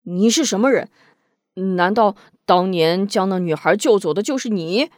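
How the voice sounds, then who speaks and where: A woman reading a story, voicing a rough male outlaw who shouts and scoffs. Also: high-pitched, sing-song, brisk, no room sound, clean studio sound. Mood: scornful. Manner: shouting, scornful. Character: brash rough male outlaw, loud and scornful.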